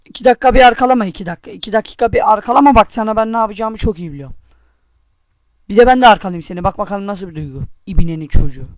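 A young man with a very high voice rages and swears through his gameplay commentary. His recording is close and dry, with no room sound around it. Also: rapid-fire, no room sound. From Turkey. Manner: angry, cursing, taunting. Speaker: gamer.

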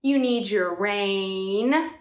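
A woman's voice: mid-range voice, extremely slow. A woman teaching a music class for young children, talking in a cheerful, sing-song way and coaxing the kids to join in.

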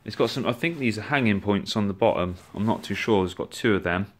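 A man's voice: lowish voice, a little fast. A man giving a casual, chatty walkthrough of his outdoor gear, filmed on a handheld phone camera indoors at home. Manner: chatty, relaxed, with frequent restarts. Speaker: gear reviewer.

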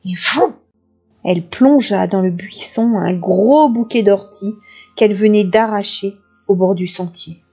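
A woman kindergarten teacher reading a children's picture book aloud with lively, dramatic narration. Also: medium pitch, measured pace, gravelly. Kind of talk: expressive storybook reading for children. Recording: dull lo-fi recording, faint music.

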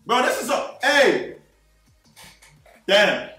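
A young man in his twenties chatting as a guest on a gaming headset, easygoing and modest, sometimes halting over his words. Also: extremely high pitch, very animated, pushed and bright, reverberant, soft background music, rough recording. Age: 20s. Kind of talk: casual gaming chat. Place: bedroom streaming setup, indoors.

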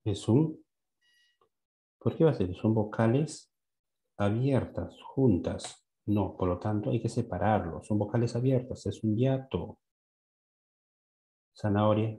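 A man teaching a class, his voice fairly low and mellow. He keeps asking questions, checks each answer and repeats the words slowly. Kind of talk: classroom lesson.

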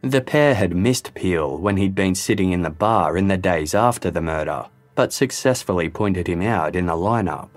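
A man narrating a true-crime podcast in a measured, sober, scripted way. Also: low-pitched, animated, soft background music.

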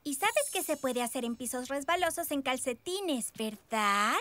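Very high, sweet cartoon girl. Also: expressive, measured pace, noisy background. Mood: upbeat, reassuring. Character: sweet, upbeat, caring young cartoon girl. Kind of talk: animated children's show dubbing.

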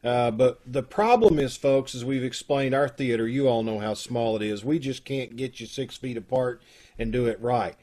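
Hosting from his home via video call, a middle-aged man introduces a live radio troupe show with casual announcements and chat. He speaks at normal speed in a warm, medium-pitched voice.

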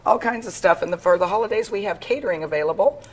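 A woman's voice: mid-range voice, quick pace, breathy edge, poor audio. A woman cooking in a restaurant kitchen as she chats on a TV segment, upbeat and eager, laughing easily. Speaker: restaurant cook. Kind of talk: cooking demo chat. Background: food sizzling on the stove.

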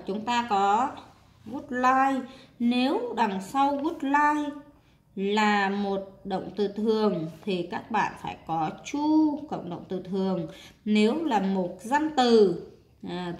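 A woman teaching, walking through workbook exercises step by step, drawing out words and stressing syllables, with many fillers. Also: mid-range voice. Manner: explains step by step with frequent fillers. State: tired. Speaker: English teacher. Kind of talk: workbook lesson walkthrough.

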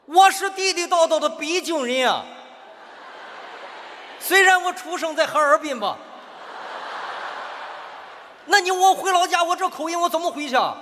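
A man performing stage crosstalk comedy, putting on a Shandong accent and answering back with indignant, quick retorts. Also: very high-pitched, expressive, bright, forceful tone, a little hiss or hum. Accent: Shandong dialect put on. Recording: live hall with faint ambience.

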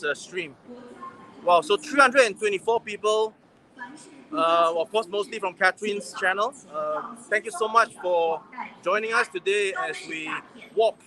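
Strolling along a crowded city street, a forties-aged livestream host chats and reads out viewer comments in a high, bright, forceful voice. He films on a gimbal-mounted phone at arm's length, and faint street noise can be heard.

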